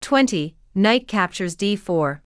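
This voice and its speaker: A woman's voice: mid-range voice, expressive, slow, smooth, no room sound, clean studio sound. A woman reading out chess notation from a script in clipped announcements, move by move. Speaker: reader of chess moves.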